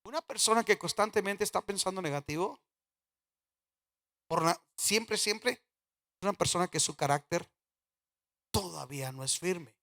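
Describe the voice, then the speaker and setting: Bright-voiced pastor preaching in a reverberant church. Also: male voice, lively intonation, measured pace, vocal fry, long pauses. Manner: swings from loud emphatic declarations to quiet low asides. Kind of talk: sermon. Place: church sanctuary. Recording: church hall with long reverb.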